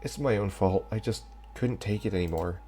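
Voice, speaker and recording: A man voicing a soft, rueful young woman. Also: lowish voice, moderate pace, natural voice. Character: upset, earnest young woman confessing.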